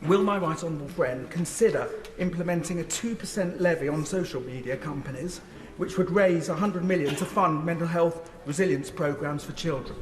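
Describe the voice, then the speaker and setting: Male backbencher, fairly high voice, prepared parliament speech, strongly reverberant room. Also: fairly quick. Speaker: member of parliament. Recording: reverberant, echoey chamber.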